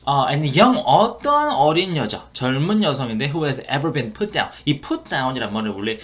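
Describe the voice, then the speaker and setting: A man's voice: medium pitch, very animated, unhurried, a bit bright. A man hosting an English listening lesson, who repeats English phrases word by word and explains them in a casual teaching manner with frequent fillers.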